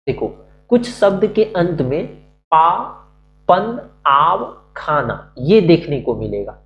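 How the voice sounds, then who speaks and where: A man's voice: fairly high pitch, big pitch swings, takes it slowly. Man teaching, asking and answering himself. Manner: asks questions and answers them himself, repeating key words. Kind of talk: classroom-style grammar lesson. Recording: muffled recording with faint hum.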